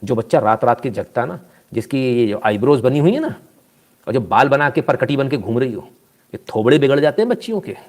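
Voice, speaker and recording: A man giving casual live commentary, reading out viewer comments and telling anecdotes in an animated, scolding manner. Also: medium pitch, a little fast.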